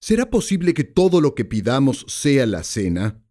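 A man's voice: medium pitch, sing-song, moderate pace, dark tone, voice pushed up. A man voicing a rude, impatient male hitman who makes crude, brusque demands in an audiobook. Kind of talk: audiobook character voice.

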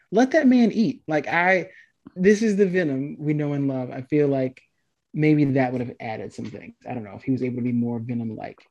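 A man's voice: mid-range voice, darkish tone, dull audio. A man chatting casually about a film he just saw, hesitant and meandering, with many ums and restarts. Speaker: movie review co-host. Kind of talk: casual chat.

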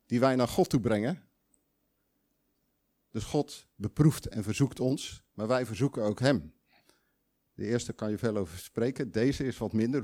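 A man preaches in a conversational, emphatic way. He asks his listeners direct questions and now and then voices the people he quotes, in a voice of middle pitch. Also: warm tone. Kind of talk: sermon with audience questions.

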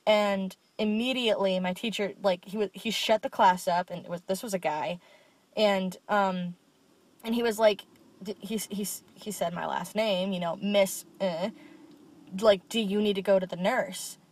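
A woman's voice: mid-range voice, fairly even intonation, measured pace. A young woman co-hosting a podcast, telling stories candidly and swearing freely in casual chat. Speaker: podcast co-host.

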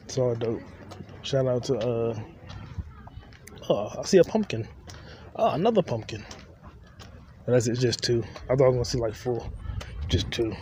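Walking outdoors through city streets, a young podcast host riffs in a rambling, joking monologue, talking loosely to himself. His mid-range voice has a darkish tone and lively intonation, moving at normal speed with frequent pauses. The phone recording picks up street traffic in the background.

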